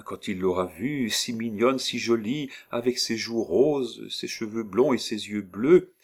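A man's voice: lowish voice, unhurried, darkish tone, pitched above the performer's own voice. A man doing a sly disguised old woman, sweet and wheedling. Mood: coaxing. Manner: wheedling, sweet-talking a child. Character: crafty man posing as a coaxing old woman. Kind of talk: audiobook character voice.

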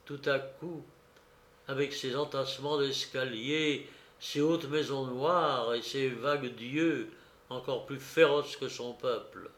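A man reading a classic novel aloud in a slow, measured narration, lifting his voice for quoted shouts. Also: mid-range voice, fairly even intonation, reverberant. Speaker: audiobook reader. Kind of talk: literary narration.

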